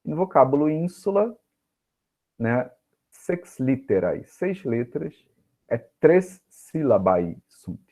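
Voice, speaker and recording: A man's voice: medium pitch, very animated, slow, warm tone. A Brazilian man teaching an online Latin class, reading Latin lines aloud and explaining them in Portuguese with frequent tag questions. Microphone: video call. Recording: tinny phone-like audio.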